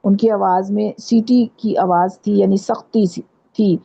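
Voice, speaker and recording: A woman with a Pakistani Urdu accent teaching Quran pronunciation in an online class, patiently repeating letters slowly to demonstrate. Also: mid-range voice, steady tone, vocal fry, dark tone, breathy edge. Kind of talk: online tajweed lesson. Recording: dull lo-fi online class audio.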